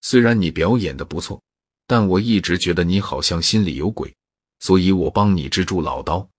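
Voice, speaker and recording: A man's voice: sits low, moderate pace, breathy edge, dry recording, studio quality. A man voicing a sly, easygoing clever young man. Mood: calm.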